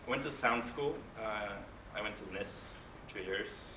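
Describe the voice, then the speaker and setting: A man giving a casual conference talk, halting and hesitant with frequent restarts. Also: fairly low pitch. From Norway. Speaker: conference speaker, game composer. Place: large conference hall. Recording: echoey hall, distant mic, room noise.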